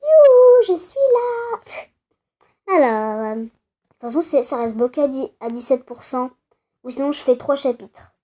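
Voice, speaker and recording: High-voiced woman chatting over a game. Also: fairly even intonation, normal speed, mellow. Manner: chatty, teasing asides to viewers. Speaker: let's play gamer. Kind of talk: casual game commentary.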